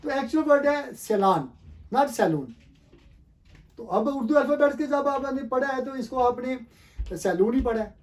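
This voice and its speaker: Pausing frequently to think, a man teaching pronunciation speaks in a slow, deliberate way. As a language teacher, he poses questions to the viewer and repeats their answers. His voice is very high-pitched with fairly even intonation.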